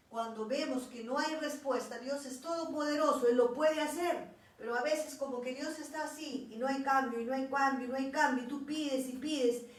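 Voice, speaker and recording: A woman's voice: fairly high pitch, far from the mic. Earnest woman preaching in echoey room. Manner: earnest, repetitive pleading phrases. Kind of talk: sermon.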